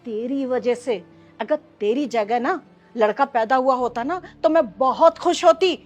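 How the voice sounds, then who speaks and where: A woman playing a bitter, contemptuous grandmother and mother-in-law who scolds her family with sharp commands, in a family short film. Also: high voice, unhurried, faint music behind. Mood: scornful. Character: harsh, bitter grandmother who scorns girls.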